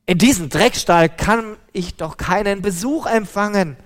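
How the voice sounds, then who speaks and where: A man voicing a flustered woman who frantically cleans her house for a guest, exclaiming in a shrill voice. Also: a little slow, a bit bright, big-room sound. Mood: horrified.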